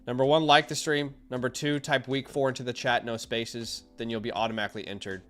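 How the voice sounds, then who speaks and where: A man's voice: mid-range voice, steady tone, a little fast, fairly bright tone, soft background music. A man hosting a casual fantasy football livestream, talking upbeat and straight to his chat through a headset mic. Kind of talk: casual live-stream chat.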